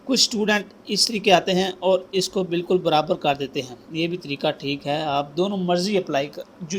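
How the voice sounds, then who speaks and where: A man speaks in a high, light voice as he gives a handwriting lesson. He explains each stroke step by step as he writes it. He often calls out to his students to check they are following. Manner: step-by-step instruction, often says "ठीक है जी" and calls out "students". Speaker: teacher.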